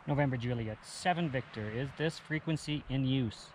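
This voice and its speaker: A man's voice: medium pitch, moderate pace, background noise. A man making a ham radio call outdoors on a mountain, spelling call signs in clipped, repeated radio procedure.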